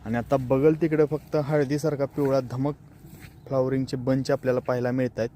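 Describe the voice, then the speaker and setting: Flat-toned man touring a farm field. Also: medium pitch, brisk, a little hiss or hum. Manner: plain, matter-of-fact explaining to farmers. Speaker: farming channel host. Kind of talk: casual field walkthrough vlog. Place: outdoors in a tomato field.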